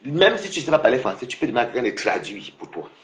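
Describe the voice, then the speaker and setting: A man's voice: mid-range voice, very animated, very fast, reverberant. A man taunting a rival on his livestream, repeating himself and laughing mockingly.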